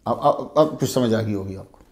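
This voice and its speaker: A religious teacher lectures students in a fairly low male voice at a normal pace, his words echoing around the room. He poses rhetorical questions and then answers them himself, repeating key terms to explain them.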